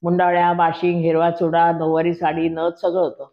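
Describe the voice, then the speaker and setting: A woman in her sixties reciting her poems and telling anecdotes between them, with a slow, measured, sing-song delivery. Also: fairly low pitch, completely flat delivery. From Maharashtra, India. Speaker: poet. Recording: dull lo-fi recording.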